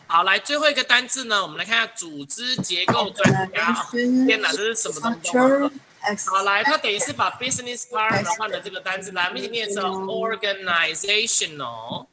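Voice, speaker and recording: A man leads an online English lesson, coaxing his class through repeat-after-me drills. His tone is patient and encouraging, each phrase softened with a little "ha". The video-call sound carries plenty of students' voices in the background. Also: high voice, fairly quick, over a noisy crowd, poor audio. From Taiwan. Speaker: English teacher. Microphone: computer mic on a video call. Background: students' voices on open mics.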